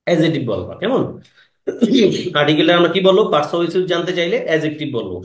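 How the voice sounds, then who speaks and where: A man's voice: a little high, very animated, reverberant. Man teaching an exam-prep class. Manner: asks the class quick questions and repeats key words. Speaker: English teacher.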